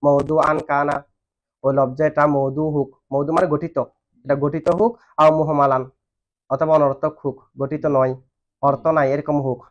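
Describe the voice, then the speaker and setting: A man's voice: on the high side, level tone, normal speed. A man teaching a grammar lesson, asking questions and waiting for students to answer. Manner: asks questions and has students answer back. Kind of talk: classroom lesson on Arabic grammar. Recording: dull lo-fi recording.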